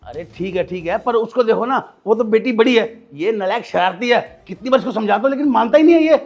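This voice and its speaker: Man playing a gravelly, fed-up dad. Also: high voice, animated, fast talker, soft background music. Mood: scolding. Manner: scolding, fed-up. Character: exasperated father scolding his son. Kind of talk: comedy sketch acting.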